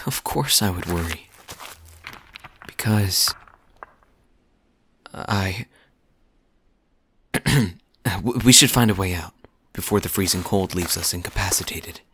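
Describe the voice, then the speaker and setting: Man acting as Kaeya, slow, suave low-voiced flirt. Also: a bit bright, a little hiss or hum. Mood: concerned. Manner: smooth teasing, chuckling, deliberate phrasing. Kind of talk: intimate audio roleplay acting, addressed to listener.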